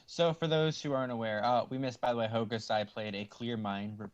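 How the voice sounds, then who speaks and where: A man commentating a card game stream, explaining plays in a measured, slightly hesitant way. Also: mid-range voice, fairly even intonation, lo-fi sound.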